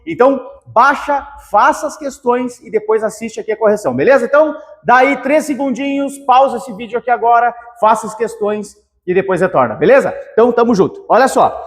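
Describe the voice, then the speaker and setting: Male teacher, high voice, lively grammar lesson, long reverb. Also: brisk. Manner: lively, animated, calls viewers "meu querido". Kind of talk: exam-prep grammar lesson.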